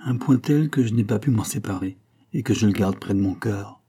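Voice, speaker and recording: A man's voice: fairly low pitch, brisk, warm tone, slightly rough. A man reading an audiobook and voicing a flirtatious, elegant blonde woman with an accent in a playful, teasing, lightly raised voice.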